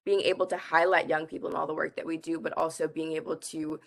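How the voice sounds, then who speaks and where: A young adult woman from the Bahamas, a climate activist, answers interview questions earnestly as a guest, often saying "like" and "I think." Her voice is low, gravelly, and fast, with little pitch movement.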